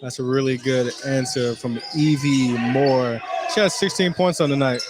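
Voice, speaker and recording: A man's voice: medium pitch, moderate pace, noisy background. A man giving local radio color commentary at a basketball game, talking loosely with lots of "you know" fillers. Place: basketball gym, courtside.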